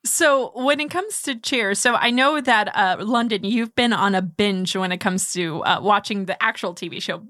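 A woman's voice: mid-range voice, normal speed, few pauses, a bit bright, no room sound, clean studio sound. A woman whose first language is Polish, co-hosting a casual podcast chat in a giggly, teasing way. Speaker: podcast co-host.

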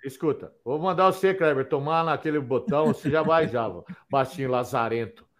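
A man's voice: medium pitch, normal speed. An older man, nervous and cursing as he stammers through a heated rant on a video call.

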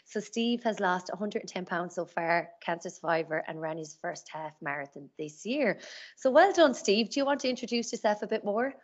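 A woman's voice: medium pitch, lively intonation, moderate pace, lo-fi sound. An Irish-accented woman hosting a podcast in a chatty, informal, encouraging way. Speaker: podcast host. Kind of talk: podcast introduction and casual interview.

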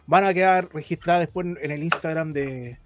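A man chats on a casual podcast in a relaxed, easy way. His voice is a little high. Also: fairly quick, background noise. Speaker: podcast co-host.

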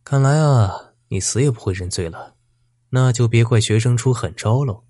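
A man's voice: medium pitch, moderate pace, mellow, dry recording, studio quality, close to an everyday voice. A man voicing a sneering vengeful bandit. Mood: menacing. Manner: sneering, menacing taunts. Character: vicious vengeful male bandit, former student.

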